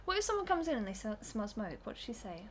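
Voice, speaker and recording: A woman's voice: fairly high pitch, big pitch swings, fast talker, a little hiss or hum. A young woman co-commentating a let's play, chatty and teasing, often laughing. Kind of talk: casual gaming commentary.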